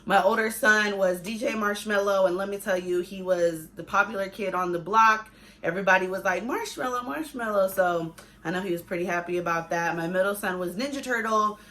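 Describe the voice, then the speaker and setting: In a casual pregnancy update, a young pregnant mother who runs a family vlog talks conversationally to her viewers, restating points for emphasis. She speaks fairly quickly in a mid-range, fairly bright voice with fairly even intonation.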